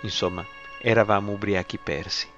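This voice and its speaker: A man narrating a first-person story in a wry, ironic way, with a gravelly voice. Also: lowish voice, steady tone, normal speed, fairly bright tone. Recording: slightly muffled, music behind.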